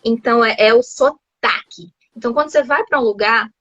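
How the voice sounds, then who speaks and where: A woman's voice: a little high, brisk, a bit bright, no room sound. Chatty Brazilian woman on a lo-fi call. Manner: chatty, laughs often, many restarts. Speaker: host, English teacher living abroad. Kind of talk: casual video-call chat.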